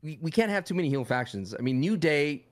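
Animated man co-hosting a podcast. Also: on the high side, fast. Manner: animated, jumps into mock voices and restarts. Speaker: podcast co-host. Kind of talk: casual chat.

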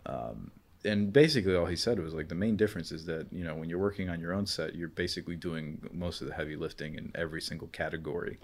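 Deep-voiced young man, rambling podcast chat. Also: fast. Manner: rambling, heavy on fillers, joking and profane. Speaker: podcast host. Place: indoor room, in person.

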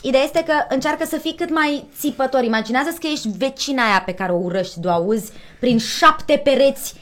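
A woman's voice: sits high, fairly bright tone. A woman voice actor and singer, chatting and coaching, who demonstrates voices as she explains. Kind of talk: casual chat, voice coaching.

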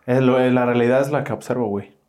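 A man's voice: mid-range voice, fairly even intonation, fast, darkish tone. Slangy Mexican young man chatting. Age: young adult. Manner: slangy, swears casually, says "güey" often. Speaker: podcast co-host. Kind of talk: casual podcast chat.

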